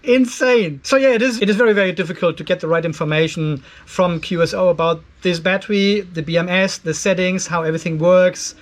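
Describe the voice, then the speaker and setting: This off-grid solar channel host, a man in his fifties, talks high-pitched and fairly quickly with few pauses. He's filming a casual explainer vlog in a cluttered garage workshop, breaking things down step by step and not holding back his criticism.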